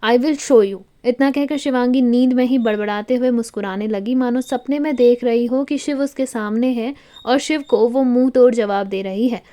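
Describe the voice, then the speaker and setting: A woman's voice: a little high, normal speed, hardly any pauses, dark tone. Woman narrating a romantic storybook.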